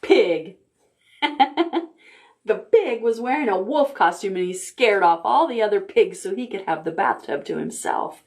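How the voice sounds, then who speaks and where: An expressive, medium-pitched woman's voice reads picture books aloud to preschoolers. She's a librarian who pauses to ask the children questions, using a gentle, deliberate storytime pace.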